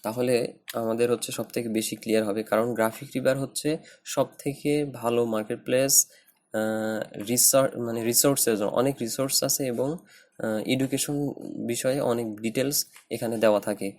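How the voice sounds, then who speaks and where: In a screen-recorded tutorial, a man with a Bangladeshi Bengali accent teaches design principles, speaking haltingly with many fillers and restarts. His mid-range voice is darkish in tone, with fairly even intonation.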